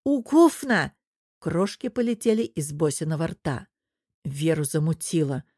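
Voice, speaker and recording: A woman narrating an audiobook in a measured, expressive storytelling voice. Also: lowish voice, no echo, studio quality.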